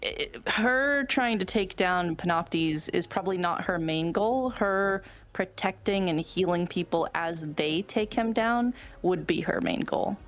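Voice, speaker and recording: A woman's voice: on the low side, measured pace, hardly any pauses. A woman roleplay player talking through her character's goals out of character, hesitant and full of fillers and restarts. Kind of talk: out-of-character planning chat.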